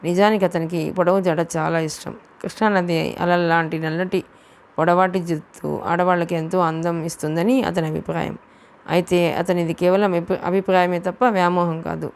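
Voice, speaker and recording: Female audiobook narrator, steady storytelling read, low and gravelly. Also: normal speed. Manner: steady storytelling, voicing the dialogue too. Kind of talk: reading a novel aloud.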